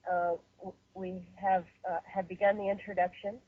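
A woman hosts a webinar over a muffled phone line, her voice slightly husky. She speaks in a measured way and often pauses on fillers and restarts. The audio is dull and narrow. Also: medium pitch, level tone, no echo. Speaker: webinar host and facilitator. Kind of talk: hosting a webinar conference call.

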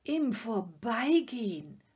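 A woman's voice: medium pitch, animated, a little slow, dark tone, husky. A woman voicing a fussy, proud troll father who is easily offended, talking in an indignant, lecturing way. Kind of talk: storybook reading.

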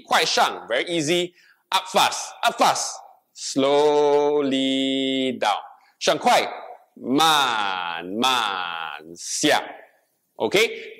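Leading a bilingual exercise class, a young fitness instructor alternates English and Mandarin line by line as he demonstrates and counts repetitions. His voice is medium-pitched and a bit bright, and the setting is a bright indoor gym room with a treadmill.

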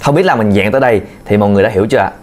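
A man's voice: fairly low pitch, rapid-fire, darkish tone, soft background music. A man teaching a video language lesson, patiently repeating key points to his learners. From Vietnam. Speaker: Chinese teacher.

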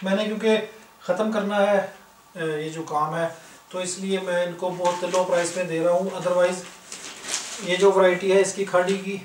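A man with a Pakistani accent, working as a shop seller and video host, gives a casual, explanatory product demonstration in a high-pitched voice with little pitch movement at a normal speed. He's in an indoor room with goods spread across the floor. The recording sounds roomy, with a distant mic and faint noise.

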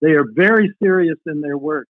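With a voice on the high side and a brisk delivery, an older podcast guest alternates between answering questions and reading his relative's letters from the war. There's no echo, and the sound is tinny like a phone line.

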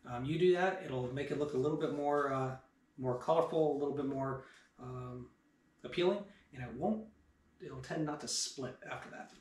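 A man's voice: mid-range voice, normal speed. A man in his thirties giving a casual how-to demonstration in his woodworking shop, with plenty of ums and uhs. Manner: relaxed, with many "um" and "uh" fillers. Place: home woodworking shop, indoors. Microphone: far camera. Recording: echoey shop room, voice from a distance.

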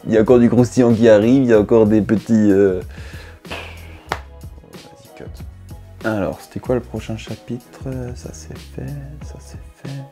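Unhurried and warm, a young man's fairly low voice keeps a fairly even intonation as faint music plays behind him. This YouTuber casually rambles to camera about his year in an improvised monologue, slangy and self-mocking, recorded with a lapel mic in a dim bedroom studio indoors.

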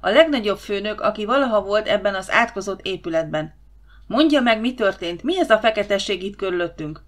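A woman voicing an irritable older male boss who is near retirement and barks orders loudly at a guard. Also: lowish voice, lively intonation. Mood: irritable shouting. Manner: loud, impatient, barking orders.

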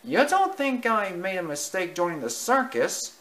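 A storybook reader voicing an earnest, eager little male circus mouse in a high voice. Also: big pitch swings, moderate pace, a bit bright.

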